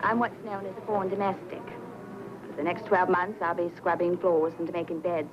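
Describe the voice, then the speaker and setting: Casting: actress as a chatty, wry young maid, 1960s film, dull old soundtrack. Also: female voice, lowish voice, flat delivery, moderate pace, background noise, close to an everyday voice. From England. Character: young English woman arriving as a housemaid, cheeky and excited.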